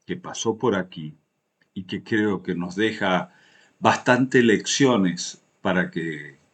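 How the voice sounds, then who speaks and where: An Argentine man hosting a political video, giving patriotic commentary to viewers in solemn, emphatic oratory with short deliberate phrases. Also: deep voice. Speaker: political interview video host.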